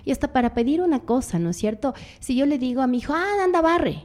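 A woman's voice: high-pitched, fast, warm tone. A middle-aged woman, a guest on a radio talk show, telling reflective stories with many fillers.

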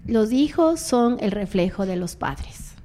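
Warm-toned woman reflecting. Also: mid-range voice, expressive, slow. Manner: reflective, storytelling, many fillers. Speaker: guest. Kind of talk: radio talk show conversation.

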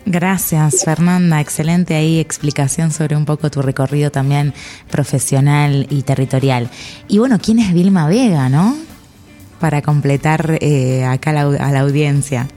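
A woman hosting a podcast, speaking in a measured, formal way. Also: low-pitched, warm tone, soft background music. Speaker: podcast host. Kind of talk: podcast intro and interview.

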